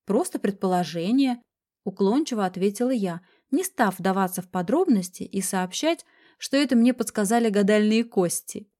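Женщина читает детективную аудиокнигу. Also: female voice, mid-range voice, lively intonation, moderate pace, dark tone. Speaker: first-person narrator, private detective. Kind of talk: audiobook narration.

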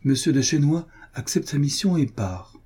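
A man reading the part of a scheming baroness who speaks with honeyed, feline flattery in a storybook novel. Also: a little high, moderate pace, breathy edge, pitched above the performer's own voice. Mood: falsely sweet. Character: scheming older baroness, falsely sweet.

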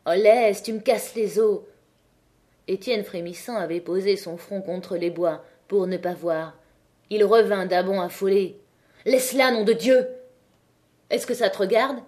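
Expressive woman reading a classic novel. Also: lowish voice. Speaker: audiobook narrator. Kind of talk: audiobook narration of a classic novel.

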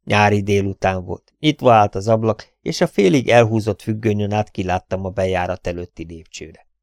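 Male audiobook narrator, first person, steady and measured, gravelly voice, dry close studio sound. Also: lowish voice, no echo.

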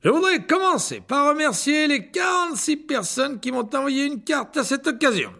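A man's voice: extremely high pitch, sing-song, normal speed, gravelly, pushed and bright, pitched above the performer's own voice, heavily acted. A man voicing a vain, flamboyant male wizard teacher who exclaims theatrically and laughs at his own jokes, in an audiobook reading. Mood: gushing.

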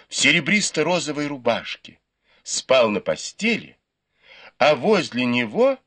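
A man narrating an audiobook in a measured, expressive storytelling manner. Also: mid-range voice.

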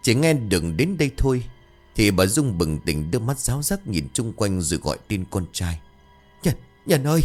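A man telling a scripted horror story in a dramatic, expressive narration. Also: on the low side, moderate pace, faint music behind.

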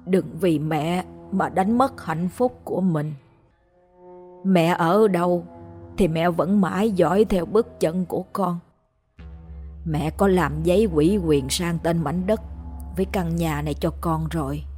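A frail old mother talks in a hushed, slow, loving way, as a woman narrator puts her on. Her voice sits low and gentle. A faint music bed plays behind the storybook reading. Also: close to an everyday voice. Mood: tender. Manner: soft, slow, hushed pleading.

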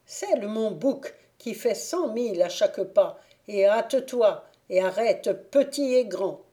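A woman voicing an imperious female fairy who shouts orders at her squire in a shrill, commanding voice. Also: lively intonation, a little slow, natural voice. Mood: furious.

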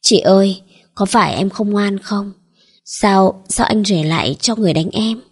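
A woman's voice: mid-range voice, normal speed, husky. A woman reading an audiobook, voicing a frightened, feverish young man who pleads like a child in a whimpering voice. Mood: frightened pleading.

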